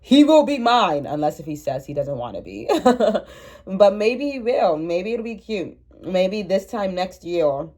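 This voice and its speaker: This vlogger in her twenties has a lowish, darkish, stuffy-sounding voice that is very animated but measured in pace. She talks candidly and rambles into her phone camera, laughing at herself in a casual confessional way.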